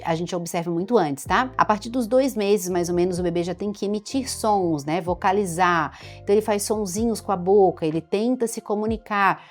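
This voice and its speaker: A woman doctor with a Brazilian Portuguese accent, explaining baby development to parents in a chatty, lively way. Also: lowish voice. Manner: chatty, warm explainer, imitates baby sounds and baby talk. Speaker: doctor giving parenting advice. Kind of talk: explanatory talk to camera.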